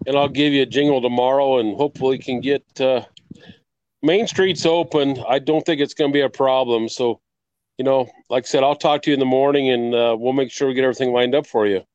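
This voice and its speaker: A man's voice: medium pitch, steady tone, a little fast, a little mellow, smooth, no room sound. A man chatting casually as a remote guest, easygoing and folksy, on lo-fi call-in audio. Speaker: tractor pull committee member, remote guest. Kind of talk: casual chat. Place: remote call from a golf course. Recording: dull, dry lo-fi call-in audio.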